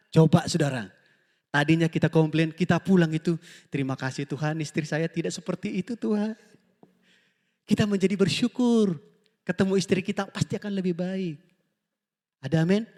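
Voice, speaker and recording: Male pastor, high voice, animated sermon delivery, reverberant church hall. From Indonesia. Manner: lively preaching, often asks the congregation for amen; animated storytelling, acts out quoted dialogue.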